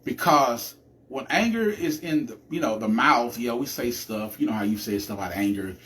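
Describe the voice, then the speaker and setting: A man hosting a live podcast, talking through a chatty, animated monologue with a preacher-like cadence and lots of restarts. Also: mid-range voice, moderate pace. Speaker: podcast host.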